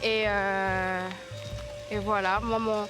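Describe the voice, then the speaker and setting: Background music runs behind an interview with a woman activist from a village in French Guiana. She answers earnestly and repeats words to stress them. Her medium-pitched voice is flat and slow.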